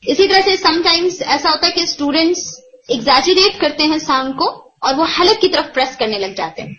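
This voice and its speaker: A woman tajweed teacher explaining recitation rules in a code-mixed style and slowly chanting example phrases. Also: high-pitched, lively intonation, sharp tone, lo-fi sound. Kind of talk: online Quran recitation lesson.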